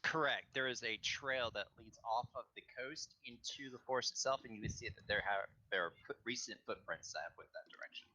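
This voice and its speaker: A man acting as game master, narrating a tabletop game in halting, deliberate descriptions. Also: mid-range voice, bright, forceful tone, poor audio. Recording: faint background noise, mouse clicks.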